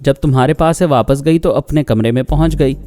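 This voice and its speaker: A man's voice: medium pitch, brisk, warm tone, faint music behind, voice pushed up, natural voice. A man voicing a naive, childlike young woman who pleads artlessly in a storybook reading. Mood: childlike, pleading.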